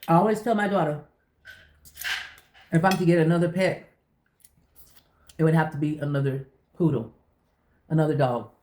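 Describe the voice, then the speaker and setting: This vlogger has a deep, dark-toned voice and talks at a moderate pace with long pauses. Telling personal stories casually, she makes her points emphatically by repeating phrases. The echoey recording carries a bit of hiss or hum.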